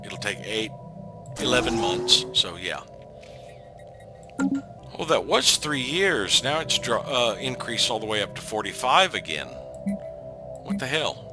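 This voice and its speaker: A man's voice: medium pitch, sing-song, unhurried, long pauses. A man giving casual gameplay commentary as a let's play host, thinking aloud and trailing off into frequent ums. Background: game music.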